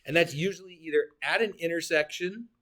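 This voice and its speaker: A man's voice: on the high side, a little fast. A male geometry teacher giving a classroom lecture, explaining definitions with playful asides and questions to his students. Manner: animated, joking asides, talks to students.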